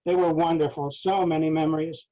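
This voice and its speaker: A man's voice: fairly high pitch, level tone, a little fast, natural voice. A man reading the lines of an elderly man who speaks in broken English and recalls old memories. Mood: eager. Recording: dull lo-fi recording.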